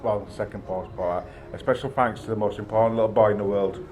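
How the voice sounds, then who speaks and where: A man giving an informal, jokey wedding toast speech as the groom, with a halting delivery. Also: fairly low pitch, steady tone.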